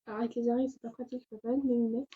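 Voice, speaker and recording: A woman's voice: on the high side, level tone, rapid-fire, slightly rough. A young woman hosting a casual online language lesson, chatty and hesitant with many fillers, recorded at home. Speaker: language tutorial host. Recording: dull lo-fi sound.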